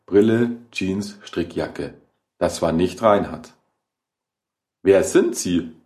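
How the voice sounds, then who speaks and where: A man narrating a horror short story in a measured, dramatic reading. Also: low voice, mellow. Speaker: audiobook narrator.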